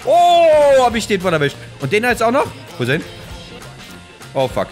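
A man in his twenties giving casual gameplay commentary on a close studio microphone, excitable and joking, often exclaiming as he plays. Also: very high voice, normal speed, soft background music. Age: 20s. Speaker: gaming YouTuber. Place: indoor room at home, on a couch. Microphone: close studio condenser microphone with pop filter.

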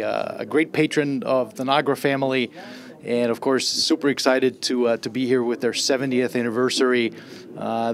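A middle-aged man from Austria speaks into a handheld mic held close, in a casual, eager introduction. He rambles, circling back with fillers and repeated starts, at an ordinary middle pitch. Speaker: audio writer and guest. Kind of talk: casual spoken introduction to camera. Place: trade show demo room.

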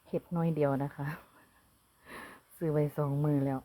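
A woman's voice: low voice, flat delivery, moderate pace, mellow, a little hiss or hum. A woman with an Isan accent chatting casually to camera as she cooks and gardens, laughing often. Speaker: vlogger cooking and gardening at home. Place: outdoors at a rural home.

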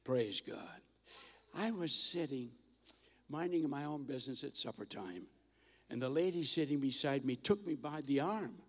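Older man preaching with gravelly voice. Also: medium pitch, a little slow. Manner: animated, acts out voices in his stories. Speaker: guest missionary speaker. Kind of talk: storytelling sermon. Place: large church auditorium stage. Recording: long hall reverb.

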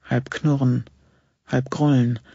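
A man narrating an audiobook in a steady, suspenseful reading style, with a husky voice. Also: mid-range voice, takes it slowly, no echo. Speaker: audiobook reader. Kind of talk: scripted narration. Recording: dull lo-fi recording.

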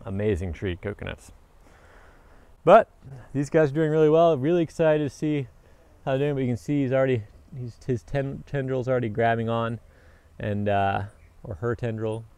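A man's voice: medium pitch, normal speed, long pauses, darkish tone, smooth, dry recording. A man in his thirties giving a casual, upbeat walk-through of his tropical garden, filmed outdoors on a handheld camera held at arm's length, rambling with fillers and self-corrections. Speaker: homesteader vlogger. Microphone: handheld action camera at arm's length.

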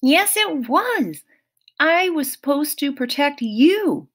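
A woman's voice: very animated, takes it slowly, heavily acted. A woman voicing a timid, guilt-ridden teenage male satyr in an audiobook, stammering and apologetic. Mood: earnest. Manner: apologetic, stammering, high-pitched. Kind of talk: audiobook reading.

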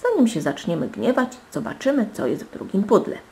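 A woman's voice: mid-range voice, huge pitch swings, a little fast, mellow, pitched above the performer's own voice. A woman voicing a fussy, pompous old emperor in a storybook reading. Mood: calm.

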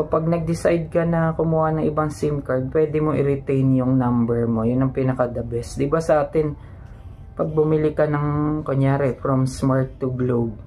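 A man's voice: medium pitch, dark tone, a little hiss or hum, rough recording. A man in his fifties from the Philippines, co-hosting a vlog in casual chat and often chiming in. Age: 50s. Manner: chatty, chimes in often. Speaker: vlog co-host.

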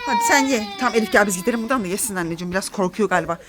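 A woman's voice: medium pitch, expressive, racing, background noise. A woman filming a family vlog outdoors in a garden, coaxing and scolding her children and laughing often.

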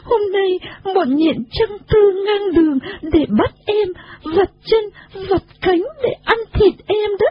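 A woman's voice: extremely high pitch, slow pace, few pauses, lo-fi sound, voice pushed up. A woman voicing a tiny, frail female insect who sobs and pleads in a storybook reading. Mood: sobbing, pleading. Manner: sobbing, pleading. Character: tiny frail female butterfly-kin insect, weepy, timid.

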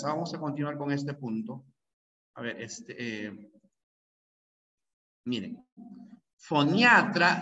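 A man's voice: a little high, pushed and bright. A male language teacher giving a classroom lecture, repeating rules again and again and checking in with students. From Peru. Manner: repeats key rules over and over, drilling students; asks frequent checking questions. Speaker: pre-university language teacher. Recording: echoey room, distant mic, dull sound.

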